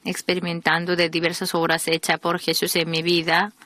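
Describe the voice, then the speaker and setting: A woman reads a sermon voice-over in a steady, measured preaching manner. Her tone is bright and forceful, set a little low. The recording is close and dry. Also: no room sound. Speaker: voice-over reader of a translated sermon.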